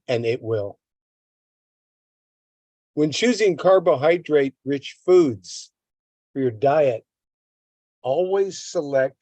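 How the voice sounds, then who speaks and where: Reading a text aloud and commenting on it, an older man gives a health lesson, stumbling, repeating words, and ranting at length against a government agency. He has a medium-pitched, dark voice, recorded with no echo.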